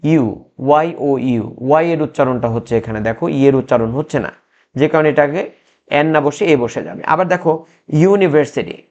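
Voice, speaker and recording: A man teaching English grammar in a recorded lesson, explaining slowly and patiently with frequent restarts and fillers. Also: a little high, darkish tone. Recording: muffled lo-fi sound.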